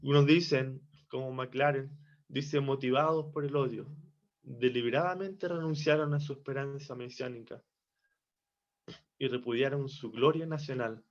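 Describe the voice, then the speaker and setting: A man giving a devotional Bible teaching from Chile, reflective and repeating phrases for emphasis. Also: medium pitch. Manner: slow, reflective, with restarts and emphatic repetition. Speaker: preacher. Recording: dull lo-fi recording.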